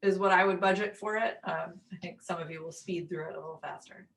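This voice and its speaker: A woman's voice: lowish voice, fairly even intonation, fast, fairly bright tone. A woman on an online webinar panel giving informal, practical answers to audience questions. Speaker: staff member on a webinar panel.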